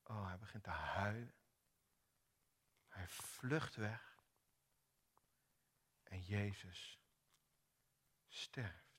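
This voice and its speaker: Give me a male preacher telling a story with drama, unhurried, crisp bright tone. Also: on the low side. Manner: animated, dramatic retelling, dialogue voices. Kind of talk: sermon storytelling.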